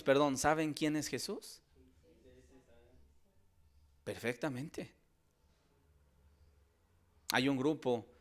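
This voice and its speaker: A male pastor preaching a sermon. He is emphatic and swings between loud and soft. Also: mid-range voice.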